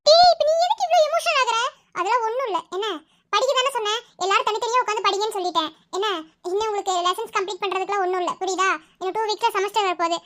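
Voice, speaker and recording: A woman voicing a young, emotional female college lecturer in a cartoon who scolds and then softens. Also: very high-pitched, very fast. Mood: stern. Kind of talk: cartoon voice acting.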